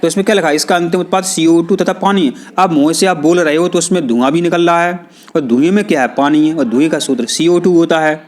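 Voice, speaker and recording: A man's voice: fairly high pitch, quick pace. Teacher quizzing his students. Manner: asks students questions and answers them himself. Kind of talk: classroom explanation.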